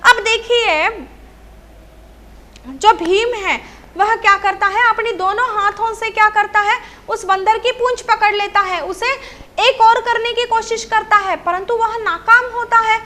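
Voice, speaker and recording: Woman, teacher, story lesson for children, rhetorical questions, repeats herself, high-pitched. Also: a little slow, bright, forceful tone.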